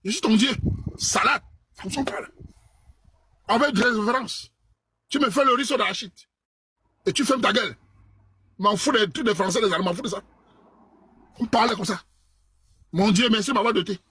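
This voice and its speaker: A man's voice: high voice, normal speed, long pauses, bright, forceful tone, slight background noise. A man with a Cameroonian French accent scolding in a ranting monologue, repeating himself and tagging phrases with "hein".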